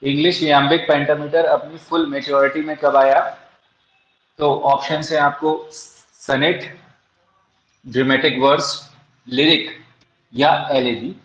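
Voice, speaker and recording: A man's voice: on the high side, steady tone, takes it slowly, long pauses. A man teaching English literature for an exam, asking rhetorical questions and answering them himself, with an Indian English accent. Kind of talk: exam-prep lecture. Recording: echoey, dull lo-fi room sound.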